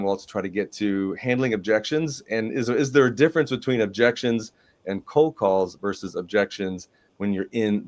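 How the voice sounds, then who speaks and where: A man hosting a sales training talk, enthusiastic and emphatic, often checking in with "right?". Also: on the low side. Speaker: podcast host. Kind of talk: business training discussion.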